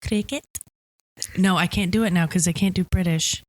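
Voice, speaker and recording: A woman's voice: fairly low pitch, moderate pace. A woman co-hosting a podcast, laughing often and adding sarcastic banter in casual chat. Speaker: podcast co-host.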